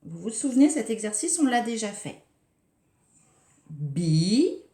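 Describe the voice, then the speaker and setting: A woman preschool teacher giving a recorded lesson for young children, speaking slowly and articulating each syllable with care. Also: a little high, sing-song, dark tone. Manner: slow, carefully articulated, scanning syllables. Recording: roomy echo.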